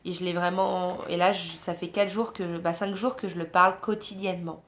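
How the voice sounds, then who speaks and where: A woman's voice: fairly low pitch, steady tone, fairly quick. A young woman from France talking casually to camera in a travel vlog, chatty and encouraging, with many fillers, filmed on a phone indoors in a guest room. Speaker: travel vlogger.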